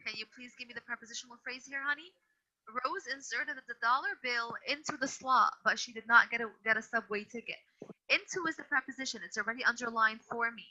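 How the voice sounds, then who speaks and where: This woman speaks fast, her voice on the high side, pushed and bright. Teaching grammar online, she stays patient but firm, repeating and correcting her students, and the video call audio sounds dull and lo-fi.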